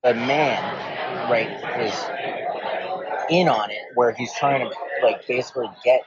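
A prisoner speaking in a disguised deep voice, pitched down, talking haltingly in a played-back clip. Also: highs cut off, very noisy.

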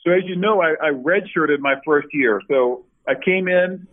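A man's voice: a little high, moderate pace. A middle-aged man, a former college basketball player, telling stories as a guest over the phone with many restarts. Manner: storytelling, many restarts, animated when quoting. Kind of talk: casual interview over the phone. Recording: tinny phone line.

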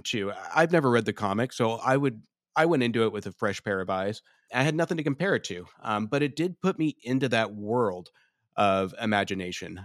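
A man's voice: fairly low pitch, dry recording. Discursive male film podcaster, dry sound. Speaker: podcast co-host. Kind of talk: casual film review chat.

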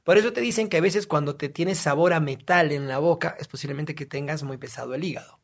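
A man's voice: a little high, quick pace, gravelly. A man, a guest in a casual podcast, explaining emphatically and asking himself questions he then answers.

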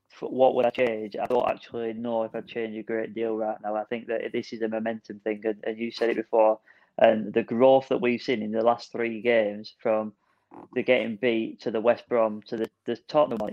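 A man's voice: medium pitch, little pitch movement, normal speed, no room sound. Man on a dull, dry video call. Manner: opinionated, reasons point by point, keeps saying "for me". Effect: heard over a video call. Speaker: podcast co-host. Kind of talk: casual football chat.

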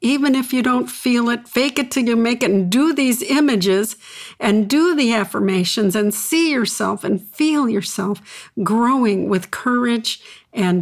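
Slow, soothing woman host. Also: fairly high pitch. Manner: slow, soothing, repeats affirmations. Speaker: radio host and intuitive consultant. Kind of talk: guided affirmations and call-in advice.

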